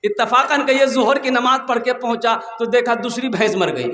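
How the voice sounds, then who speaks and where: Man from Kolkata, humorous preacher, very high pitch, roomy echoey hall. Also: moderate pace, a bit bright. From Kolkata, India. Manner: storytelling, urging the crowd to answer. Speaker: Islamic preacher. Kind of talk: humorous religious sermon. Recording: echoey hall with long reverb.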